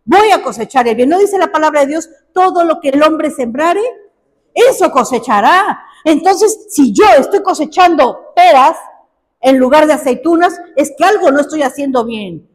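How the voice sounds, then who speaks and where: A woman's voice: sits high, expressive, normal speed, big-room sound. A woman preaching a sermon, speaking expressively and putting rhetorical questions to the congregation.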